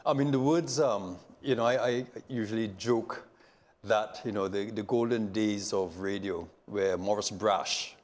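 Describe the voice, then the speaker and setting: A man on a panel speaking in a relaxed way, chuckling and leaning on fillers. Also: lowish voice, a little slow. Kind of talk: panel discussion.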